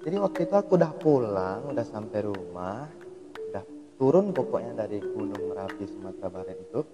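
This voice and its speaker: A man's voice: fairly low pitch, very animated, a little fast. A young man recounts a spooky personal experience in a loose, chatty manner, full of little fillers. His voice rings out with a long reverb tail, and music plays underneath. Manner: chatty, filler-heavy storytelling. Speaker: storyteller. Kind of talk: casual personal horror story. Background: background music.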